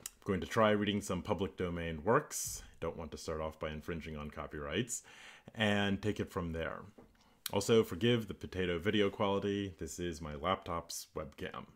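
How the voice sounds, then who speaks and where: A man with a deep announcer-style delivery who talks into his laptop microphone, then reads aloud as an amateur voice actor. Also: normal speed. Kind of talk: self-recorded vlog and dramatic reading.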